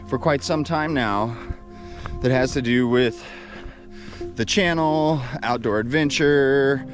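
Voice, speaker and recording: Casual male outdoor vlogger, middle-pitched. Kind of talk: reflective casual vlog talk. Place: outdoors on a trail.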